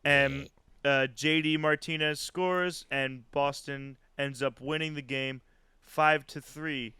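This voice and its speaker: Smooth higher-voiced man recapping baseball. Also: steady tone, slow pace, sharp tone. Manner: play-by-play recapping with chuckles. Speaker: podcast co-host. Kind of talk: casual sports podcast recap.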